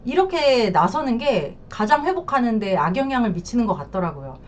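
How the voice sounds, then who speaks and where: A woman's voice: fairly high pitch, sing-song, brisk, a little hiss or hum. A woman counselor giving blunt, colloquial advice on infidelity, acting out the lines of the people she describes. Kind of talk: advice talk to camera. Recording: dull lo-fi recording.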